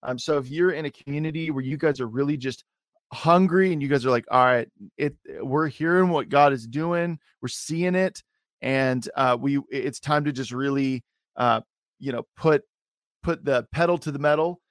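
A man's voice: mid-range voice, normal speed, dry recording. Casual male podcast host, dry close sound. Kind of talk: casual, enthusiastic show introduction and interview.

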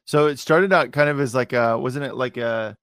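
A man's voice: mid-range voice, normal speed, a bit bright, clean tone, no room sound. Casual male podcast host, dry close sound. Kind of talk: casual, enthusiastic show introduction and interview.

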